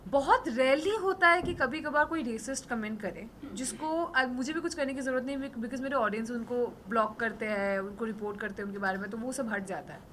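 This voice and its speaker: Hoarse, defiant young woman, high bright voice. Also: a little fast, few pauses, a little hiss or hum. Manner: defiant, emphatic. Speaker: influencer and model. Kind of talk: casual interview talk.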